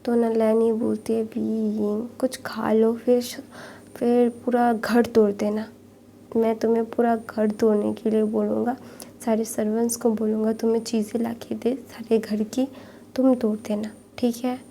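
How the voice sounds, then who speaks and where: A woman's voice: on the high side, flat delivery, moderate pace, gravelly, mellow, slight background noise. A woman casually retelling a fan-fiction story, narrating the dialogue with frequent fillers and restarts and the odd whispered line.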